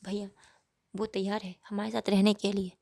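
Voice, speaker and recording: A woman voicing a young man plotting with his brother, in a quiet, even delivery. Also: medium pitch, moderate pace, vocal fry, no room sound, clean studio sound. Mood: scheming.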